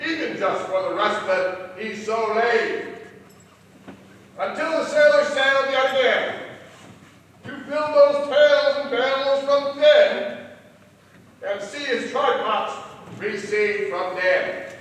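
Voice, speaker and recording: Male town crier, declamatory and ceremonious, extremely slow delivery, heard from far off in a reverberant hall. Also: very high-pitched, fairly bright tone. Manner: slow, ceremonious, drawn-out phrasing. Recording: very echoey hall, distant microphone, audience.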